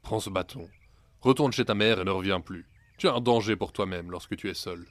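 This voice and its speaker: A man's voice: low voice, a little fast, dry recording, close to an everyday voice. A man voicing a fond but exasperated male ogre who scolds and warns the boy sternly. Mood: stern warning.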